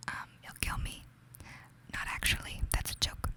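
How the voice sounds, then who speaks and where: Young new york woman whispering gossip asmr style, super chatty and confiding, says like a lot. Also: normal speed. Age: young adult. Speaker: ASMR creator.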